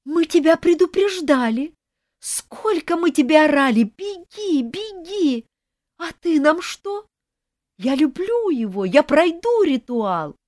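A woman voicing a chorus of pleading female ghost brides in an audiobook, urgent and shrill. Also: very animated, takes it slowly, dry recording, studio quality. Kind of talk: audiobook reading.

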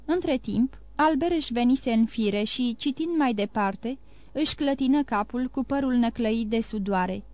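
A woman narrates a classic novel in a steady, even voice. Her pitch sits a little high. The recording is dry and close, with no room sound. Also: dry recording. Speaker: audiobook narrator.

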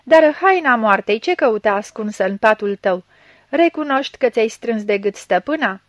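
A woman's voice: on the high side, expressive, no room sound, lightly acted. A woman reading a story aloud, voicing a stern male gendarme chief who barks accusing questions. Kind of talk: audiobook reading.

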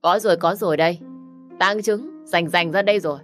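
A woman's voice: on the low side, a little fast, a bit bright, soft background music, close to an everyday voice. A woman playing a sneering cruel young woman. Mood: taunting.

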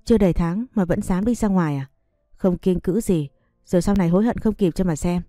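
A woman voicing a stern older mother-in-law who speaks in a sharp, reproachful way. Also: lowish voice, fairly quick, dry recording, studio quality, soft background music, natural voice. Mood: scolding.

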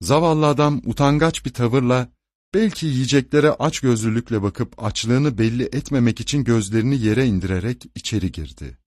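A man's voice: medium pitch, moderate pace, a little mellow, no room sound. Man narrating an audiobook, dry. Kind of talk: scripted literary narration.

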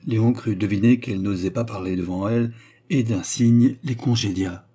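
A man narrating a novel as an audiobook in a measured, even reading. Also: on the low side, husky. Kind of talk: scripted narration.

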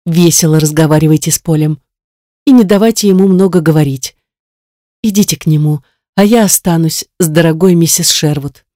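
A distraught mother speaks in pleading, tearful phrases, as an audiobook reader puts her on. The tone is mellow and dark, recorded dry and close. She sounds worn down by worry for her child. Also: medium pitch, a little fast, dry recording, close to an everyday voice. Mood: anxious. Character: anxious, grieving mother of a sick boy. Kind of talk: audiobook character reading.

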